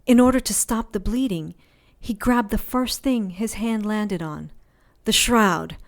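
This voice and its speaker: In an audio drama, a woman voices a tough, wounded adventurer who tells her story in a wry, sardonic, colloquial way. Her voice is medium-pitched with vocal fry, and she speaks at a measured pace.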